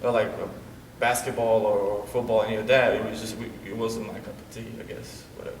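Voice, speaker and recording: A Bosnian wrestler in his late twenties chats casually as an interview guest, laid-back and forever dropping "you know what I'm saying." His voice is lowish and flat, moving fairly quickly. The recording has slight background noise and a roomy, distant echo.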